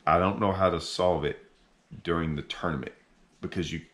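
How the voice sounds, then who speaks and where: A middle-aged man hosting a fishing channel, talking casually to camera from his living room couch, animated and full of restarts as he thinks aloud. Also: low voice, moderate pace. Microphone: camera in front at sitting distance.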